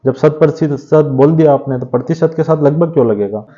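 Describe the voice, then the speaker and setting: Man teaching grammar, mellow and dull-toned. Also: on the high side, brisk. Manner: steady explanatory tone with frequent tag question "है ना". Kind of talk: exam revision lecture. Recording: dull lo-fi sound.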